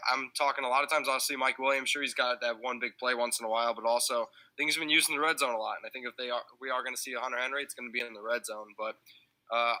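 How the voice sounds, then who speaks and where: A man's voice: medium pitch, bright, forceful tone, rough recording. A man who is a guest on a sports podcast, breaking down players in casual, analytical chat.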